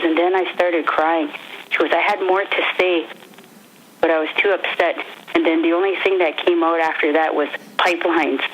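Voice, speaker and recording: Earnest, reflective mom being interviewed, lowish voice, over a faintly noisy phone line. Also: female voice. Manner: earnest, reflective, many restarts. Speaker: interviewee, mother.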